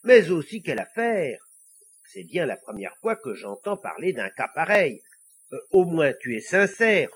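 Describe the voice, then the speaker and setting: A man's voice: a little high, very animated, measured pace, husky, heavily acted. A man voicing a flustered, startled village priest in a storybook reading. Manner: flustered, exclaiming.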